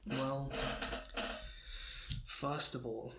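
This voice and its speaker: A young man co-hosting a podcast, joking deadpan in a rambling, casual way with plenty of filler words. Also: mid-range voice, very slow, very noisy. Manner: rambling, deadpan jokes, frequent "um" and laughter. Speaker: podcast co-host. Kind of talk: casual comedic chat.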